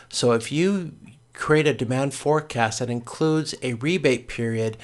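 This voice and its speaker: In a recorded lecture, a male course instructor explains things step by step, halting as he goes and often correcting himself. His voice sits at medium pitch and carries some vocal fry.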